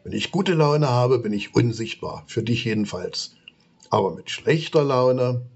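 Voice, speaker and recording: A man's voice: mid-range voice, expressive, measured pace, a little mellow, husky, lo-fi sound, pitched above the performer's own voice. A man voicing a small, shaggy, grumpy monster that grumbles and snaps short answers in a storybook reading. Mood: plaintive.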